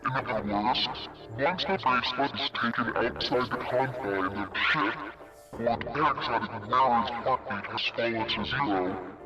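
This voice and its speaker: An actor playing a mysterious captor, with a warbly distorted voice, formally announcing rules. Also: male voice, mid-range voice, normal speed, over music. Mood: menacing.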